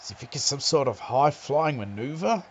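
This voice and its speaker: A man doing excitable play-by-play wrestling commentary, breaking into loud exclamations. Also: mid-range voice, normal speed, a little hiss or hum.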